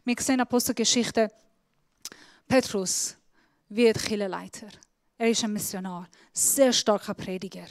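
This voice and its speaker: A woman pastor preaching a sermon in a lively, emphatic way, with casual slang and slightly broken grammar. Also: medium pitch, unhurried, long pauses, dry recording.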